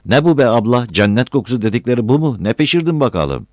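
A man voicing a loud, greedy, simple-minded village man with a thick voice. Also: medium pitch, sing-song, fast, dry recording, studio quality, voice pushed up, close to an everyday voice. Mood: shouting. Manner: shouting, wheedling.

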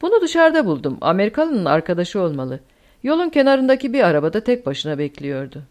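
A woman voicing a brutal male SS officer who barks his threats loudly, in an audiobook reading. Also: mid-range voice, big pitch swings, a little fast, natural voice. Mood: barking. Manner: loud, barking orders.

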